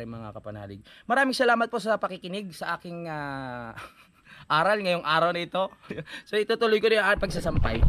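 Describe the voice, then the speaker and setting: A man's voice: high-pitched, fairly bright tone. Man telling a story, mock-preachy. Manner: mock-preachy, addresses viewers as "mga kapanalig". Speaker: vlogger. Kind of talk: casual storytelling vlog.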